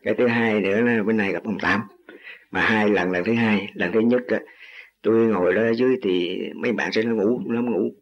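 A man's voice: fairly low pitch, steady tone, a little fast. An older man speaking humbly and formally, with self-deprecating jokes. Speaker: husband of a student. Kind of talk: formal respectful speech. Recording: dull lo-fi recording.

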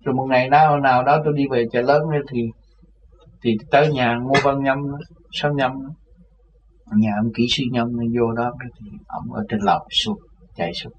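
A man telling a personal religious story in an animated way, often laughing. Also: medium pitch, moderate pace. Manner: animated, laughs often, voices others in his tale. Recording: lo-fi with faint background noise.

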